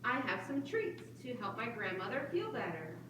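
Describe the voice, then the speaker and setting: A woman's voice: a little high, very animated, normal speed. Polite little girl acted by a woman for puppet show, heavy room echo, noisy background. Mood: polite, trusting. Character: polite, trusting little girl in fairy tale. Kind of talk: children's puppet show acting. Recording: echoey room, distant mic, clear background noise.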